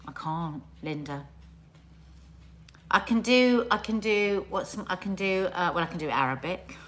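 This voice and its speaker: A middle-aged woman hosts a casual livestream, chatting with viewers and often trailing off before restarting her sentences. Her voice is fairly low, animated, a little slow and slightly bright.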